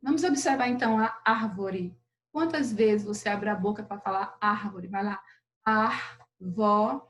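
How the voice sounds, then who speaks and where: A woman teacher with a Brazilian Portuguese accent giving a lesson to children, patient and slow over syllables, often checking in with the class. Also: mid-range voice, rough recording. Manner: patient, drawn-out syllables, frequent "beleza?" checks. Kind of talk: recorded remote lesson for children.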